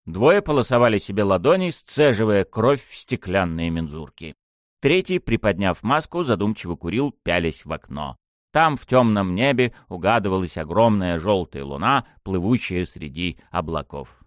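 A man reading a first-person audiobook aloud, telling it in a wry, expressive way. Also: moderate pace, no echo, clean studio sound. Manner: wry, expressive storytelling with wide pitch swings. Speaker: audiobook narrator.

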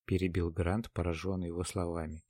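A man narrating a dramatic classic story in a measured storytelling manner. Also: deep voice, flat delivery, mellow, dry recording, clean studio sound. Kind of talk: dramatic audiobook reading.

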